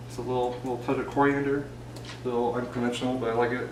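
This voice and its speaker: Speaking at a racing pace in a level, mid-range voice, this man hosts a laid-back cooking video as a giggly, tipsy ramble full of casual swearing. The recording is very noisy: an echoey kitchen, the mic far off, music playing and pots and pans clattering.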